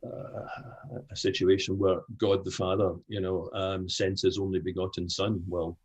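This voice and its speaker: A man's voice: low voice, little pitch movement, moderate pace, a little mellow, breathy edge, low-quality recording. A Scottish man, older, speaking frankly as an interview guest, with many restarts. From Scotland. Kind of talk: conversational interview.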